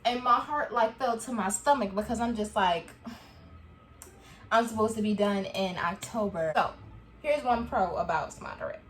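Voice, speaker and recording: A young woman chatting to camera in a casual review vlog, animated and quick to laugh, acting out what people said to her. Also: medium pitch. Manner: chatty and animated, laughs often, acts out quoted dialogue. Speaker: vlogger.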